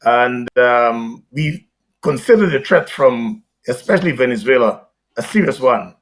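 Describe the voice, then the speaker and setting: A Guyanese man in his seventies, a retired army officer, giving formal, measured interview answers over a video call. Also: medium pitch, animated, rough recording.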